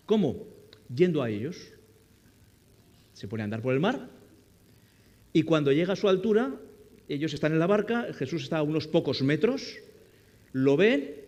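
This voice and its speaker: Male preacher, slightly high and very animated, asks the congregation questions, long hall reverb. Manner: asks the listeners questions and acts out the quoted speech. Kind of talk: sermon.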